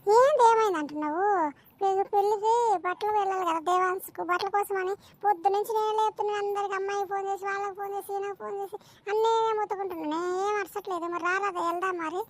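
A woman's voice: very high-pitched, fairly even intonation. A woman voicing a fussy, scolding village mother in a cartoon. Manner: nagging, fretful, quick scolding. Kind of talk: cartoon voice acting.

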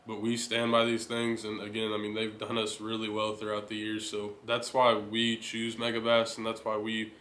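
A young man hosting a fishing channel, giving a steady, enthusiastic rundown of his lures in a casual chat. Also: lowish voice, normal speed, few pauses. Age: young adult. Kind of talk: casual gear talk to camera. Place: indoor living room.

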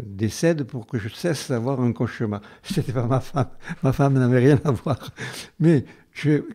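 Old southern French man, mellow voice. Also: mid-range voice. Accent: southern French, Carmaux. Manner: halting, emphatic storytelling. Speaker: retired schoolteacher. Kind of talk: reminiscing interview.

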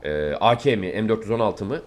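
Young man, gameplay host, joking banter, low-pitched, rapid speech. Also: expressive. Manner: joking banter, addressing viewers. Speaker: gaming channel host. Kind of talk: casual gameplay chat with a friend.

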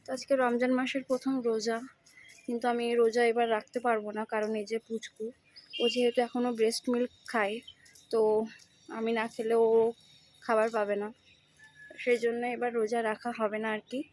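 A young woman, a mother of a baby, narrating her day at home for her vlog viewers in a quick, chatty way. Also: fairly high pitch, flat delivery.

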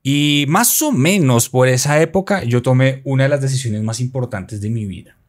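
A Colombian man in his forties with a Bogotá accent, a motorcycle traveler appearing as a podcast guest, tells his story in animated chat, gesturing as he talks and tossing in playful asides. His voice is mid-range at a moderate pace. He's recorded on a close desk mic in a small studio.

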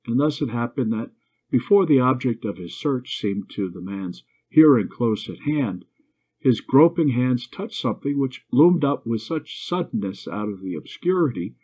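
A man's voice: mid-range voice, a little mellow. Man reading a story, muffled audio. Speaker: narrator. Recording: dull lo-fi recording.

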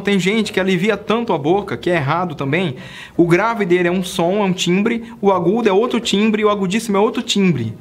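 A man, teaching saxophone in a casual video lesson, chatty and constantly checking in with the viewer. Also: sits high. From Brazil. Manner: chatty, checks in often with "tá?" and "cara".

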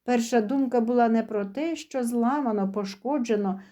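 A woman narrating a dramatic story aloud in a steady, even reading voice. Her pitch sits somewhat high while the tone stays dark and mellow. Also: moderate pace.

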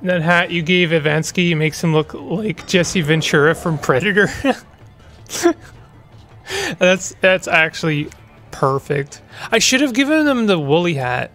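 A man hosting a gaming channel, talking through his play in rambling, chatty commentary full of stumbling restarts. His voice sits somewhat high for a man, with faint game music underneath. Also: animated, moderate pace, a bit bright.

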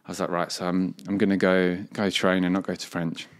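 A man's voice: low-pitched, flat delivery, fairly quick. A young English man telling a story in a laid-back, rambling podcast chat, laughing as he goes. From England. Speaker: podcast guest, cricketer.

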